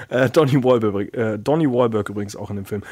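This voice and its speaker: A man's voice: medium pitch, darkish tone, breathy edge, dry recording, clean studio sound. A man co-hosting a casual film chat, rambling with many filler sounds and jokes. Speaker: podcast co-host.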